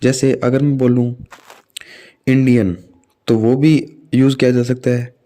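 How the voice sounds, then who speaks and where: Indian man, English grammar teacher, deliberate slow delivery, mixes Hindi explanation with read-out English examples. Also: medium pitch, level tone, warm tone.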